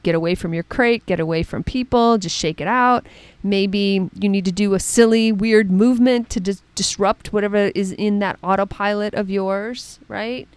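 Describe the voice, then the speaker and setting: A middle-aged woman coach giving a casual spoken lesson, chatty and animated, often checking in with "right?" and "okay?". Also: medium pitch, clear, resonant tone, no echo. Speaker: mental performance coach.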